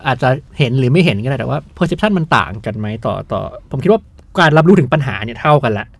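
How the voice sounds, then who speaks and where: Quick-talking male podcast host. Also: medium pitch, lively intonation, dry recording. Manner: inquisitive, probing questions. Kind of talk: casual discussion.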